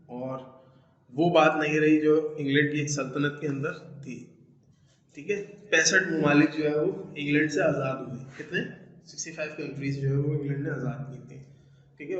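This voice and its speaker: Male tutor, slightly high voice, patient lesson delivery in an echoey room with muffled lo-fi audio. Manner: explains in Urdu-Hindi, reads English lines slowly, frequent "theek hai". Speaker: teacher. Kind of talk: online lesson lecture. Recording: echoey room, dull lo-fi sound.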